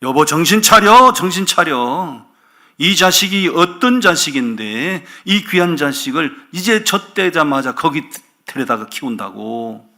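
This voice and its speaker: A male preacher voicing an alarmed husband who loudly scolds his wife to come to her senses. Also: lowish voice, steady tone, unhurried, gravelly, exaggerated voice. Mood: exasperated. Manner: shouting, exasperated.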